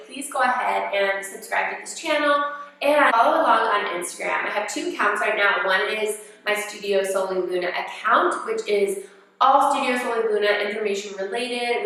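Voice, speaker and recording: A young woman with a sick, hoarse voice, a dance teacher talking earnestly to her channel viewers. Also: medium pitch, normal speed, pushed and bright. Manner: earnest, repeats key phrases, calls viewers babes. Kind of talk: casual talk to camera. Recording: echoey room, a bit far from mic.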